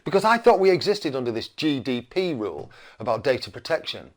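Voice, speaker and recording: Cranky British man ranting, swinging pitch. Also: very animated, a little fast. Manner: indignant, cranky grumbling; emphatic, rhetorical questions and repetition. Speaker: video blogger. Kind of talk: opinionated rant to camera.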